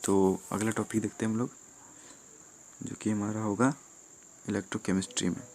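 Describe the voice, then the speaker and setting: A man from Jharkhand, a teacher, going through a school syllabus in a steady listing manner with fillers. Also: fairly low pitch, moderate pace, a little hiss or hum. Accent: Jharkhand Hindi. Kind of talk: explaining a syllabus.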